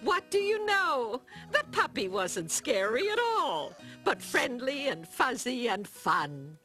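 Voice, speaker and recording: A woman narrating a children's cartoon story in an expressive storytelling manner. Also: high voice, slow pace. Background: music.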